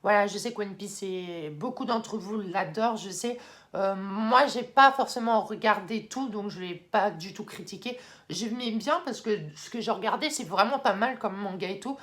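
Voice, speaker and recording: A young woman in casual vlog talk, chatty with many fillers and excited bursts, now and then moving off the mic. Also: medium pitch, moderate pace. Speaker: YouTuber ranking anime. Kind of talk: casual vlog tier list.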